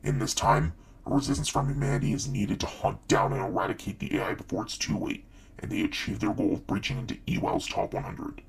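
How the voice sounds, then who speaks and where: A man's voice: mid-range voice, fairly quick, poor audio. Man through a filter as an ominous trailer narrator. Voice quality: gravelly, breathy and unvoiced through the filter. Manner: dramatic, portentous announcing.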